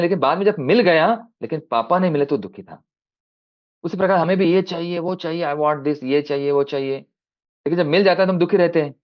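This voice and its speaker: A man giving a storytelling sermon on a video call, acting out a child and father in turn, rising high for the child and dropping soft for the father, with English phrases mixed in. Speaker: devotional speaker. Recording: dull lo-fi video call audio.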